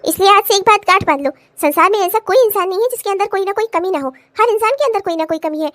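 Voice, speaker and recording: A woman's voice: very high-pitched, fairly bright tone, no room sound. A woman voicing a stern older mother-in-law and grandmother in a cartoon comedy, scolding and lecturing. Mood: preachy. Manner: scolding, then lecturing in a slow preachy way.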